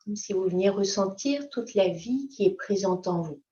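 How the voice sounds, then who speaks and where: Through a dull, lo-fi recording, a mid-pitched female voice leads a slow yoga nidra session. She stays calm and unhurried, giving brief, gentle directions.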